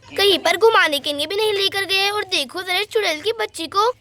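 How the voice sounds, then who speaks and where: A woman's voice: very high-pitched, normal speed, sharp tone. A woman voicing a touchy young woman doll who sulks and complains huffily in a doll story. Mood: huffy. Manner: sulky, huffy complaints.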